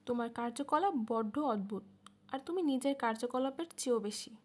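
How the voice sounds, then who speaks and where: A woman's voice: a little high, animated, fairly quick, a little mellow. A woman voicing a brooding young man who asks blunt, probing questions.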